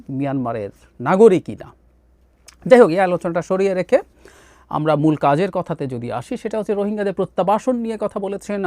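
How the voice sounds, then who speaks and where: Male commentator, lively pitch, fairly high voice, dry close sound. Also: no room sound. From Bangladesh. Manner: animated, drops into English phrases, many "ah" fillers. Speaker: political commentator. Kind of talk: solo political commentary.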